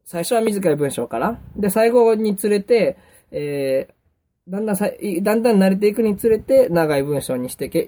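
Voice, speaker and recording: A young man with a Kansai accent, hosting a casual solo podcast and chatting in a relaxed way with lots of fillers. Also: high voice. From Kansai, Japan. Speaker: podcast host.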